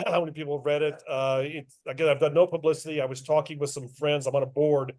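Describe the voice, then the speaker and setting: With a fairly high, slightly mellow voice, steady in tone and quick in pace, a middle-aged author talks casually at a club meeting. He's chatty and self-deprecating, laughs frequently, and takes questions.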